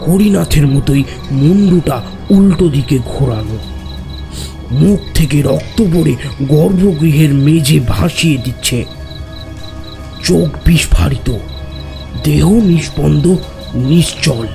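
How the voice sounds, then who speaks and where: A grave tantric storyteller, played by a man speaks slowly in a gravelly, measured voice. His tale comes from an audio horror drama. Loud music and chirping crickets sit behind it. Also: a little high. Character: gruff older male tantric storyteller.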